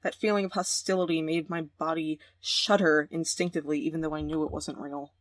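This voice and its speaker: A woman's voice: low-pitched, flat delivery, a little fast, no echo. Slangy young woman reading a game. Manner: slangy, joking. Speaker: let's play host. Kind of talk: game let's play, narration with commentary.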